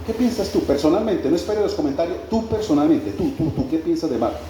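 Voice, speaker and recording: A man's voice: a little high, lively intonation, quick pace, warm tone. A male pastor preaching a sermon in a church hall, repeating his phrases and putting pointed questions to the congregation. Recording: very echoey church hall, faint background noise.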